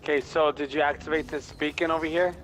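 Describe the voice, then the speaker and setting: A man's voice: on the high side, steady tone, fast talker, a bit bright, slight background noise, low-quality recording. A man guiding another player through a video game in casual, explanatory talk, his voice sounding as if inside a helmet. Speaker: experienced player guiding a newcomer. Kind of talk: casual gameplay instruction.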